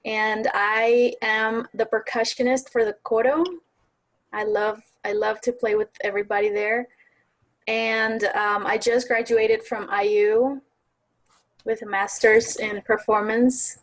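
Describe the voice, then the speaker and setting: A young woman from Colombia, a percussionist, introducing herself quickly and casually on a video call. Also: on the high side, flat delivery, rough recording.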